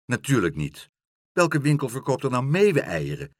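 A man's voice: mid-range voice, huge pitch swings, moderate pace, no echo, studio quality. A man voicing a stern, bossy village baker's wife, curt and scolding, in a read-aloud children's story.

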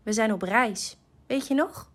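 A woman voicing a calm, patient male hedgehog in a storybook, speaking gently. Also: on the high side, measured pace.

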